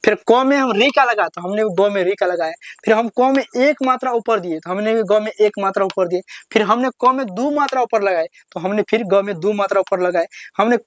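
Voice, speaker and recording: High-voiced man teaching the alphabet. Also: fairly quick, hardly any pauses, fairly bright tone. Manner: patient, repetitive, drawing out each syllable when reciting. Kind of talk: beginner alphabet lesson.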